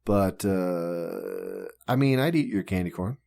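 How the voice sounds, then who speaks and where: A man's voice: deep voice, expressive, slow pace, warm tone. A man co-hosting a podcast, answering trivia in an easygoing, joking way. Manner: easygoing, joking, laid-back. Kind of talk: casual chat.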